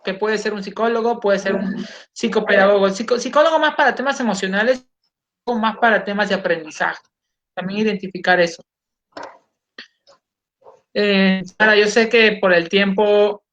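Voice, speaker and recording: A man's voice: sits high, bright, forceful tone. Guy hosting an online chat, explains stuff step by step, sounds out drills. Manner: explanatory, demonstrates speech drills aloud. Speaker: host and coach. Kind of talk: casual online interview.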